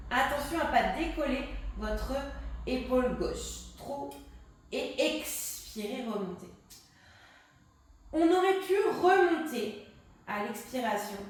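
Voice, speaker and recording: Woman pilates instructor, high voice, talks through the moves and breaths while exercising, far from the mic in a very echoey room. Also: slight background noise. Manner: cues breathing and counts reps while exercising along. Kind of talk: guided workout instruction.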